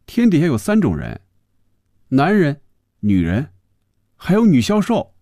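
A male storyteller voicing a young saleswoman who is touchy and earnest and gets shrill and quick when upset. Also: wildly swooping pitch, warm tone, slightly rough, no room sound, studio quality, exaggerated voice.

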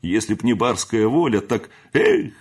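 A man's voice: low-pitched, level tone, moderate pace. A man voicing a pleading old-time manservant. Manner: pleading, anxious. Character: pleading devoted male manservant. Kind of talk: audiobook character voice.

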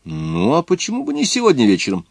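A man's voice: mid-range voice, wildly swooping pitch, fast talker, vocal fry, a little mellow, slightly rough, no echo, pitched above the performer's own voice, heavily acted. A man reading the part of a hot-tempered, scornful young nobleman in an audiobook. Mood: impatient.

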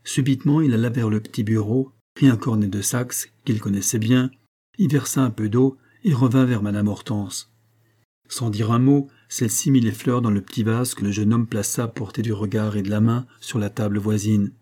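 Male audiobook narrator, measured reading, dark husky tone. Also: fairly low pitch, steady tone. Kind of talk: scripted narration.

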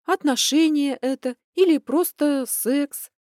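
A flustered young woman, voiced by an audiobook narrator, pleads and protests in a high, strained voice. Her tone stays mellow, and the recording is dry and close. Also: slow pace, dry recording. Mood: pleading.

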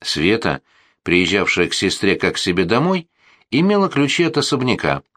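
Male reader as a balding husband, calm and explanatory, lowish voice. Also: normal speed, no room sound. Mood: explaining.

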